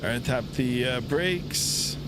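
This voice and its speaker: Casual male streamer over loud cockpit noise. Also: mid-range voice, slow. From Canada. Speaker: flight simulator livestream host. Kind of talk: casual chat with viewers while flying. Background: simulator aircraft noise.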